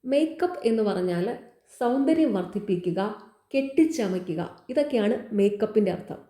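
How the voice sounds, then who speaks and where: Mellow-voiced woman teaching grammar. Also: a little high, animated, normal speed, echoey room. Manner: repeats key words, poses quiz questions to students. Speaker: exam prep teacher. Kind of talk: explaining grammar answers in a lesson.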